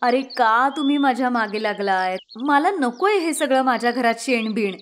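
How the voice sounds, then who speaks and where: A woman's voice: a little high, lively intonation, normal speed, a little hiss or hum, close to an everyday voice. A woman voicing a spoiled, rude young city daughter-in-law who scolds and complains sharply. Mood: angry.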